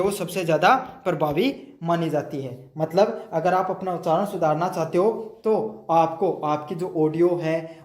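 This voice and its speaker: A man with a high-pitched voice, sounding reverberant, tutors students through exam questions by explaining multiple-choice answers. He poses questions aloud, answers them himself, and restates each point in different words.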